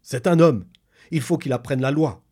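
A man voicing an excitable male ape-man who shouts his words over and over. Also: normal speed, husky, lightly acted. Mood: excited. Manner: shrill, repetitive, loud exclamations.

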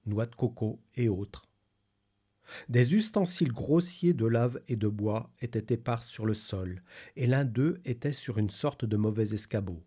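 A man reading a novel aloud as a measured, deliberate narrator. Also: medium pitch, warm tone, husky. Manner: slow, measured storytelling. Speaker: reader.

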